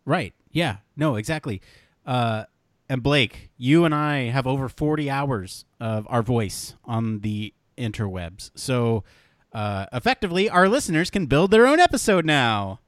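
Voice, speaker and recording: Excitable young man co-hosting a podcast. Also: medium pitch, measured pace, dry recording, studio quality. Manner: animated, rambling with restarts. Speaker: podcast co-host. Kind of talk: casual chat.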